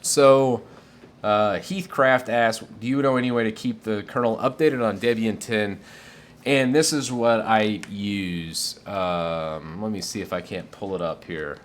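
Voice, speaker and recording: A man's voice: lowish voice, unhurried. A man casually answering viewer questions on a live tech stream, enthusiastic and rambling with fillers.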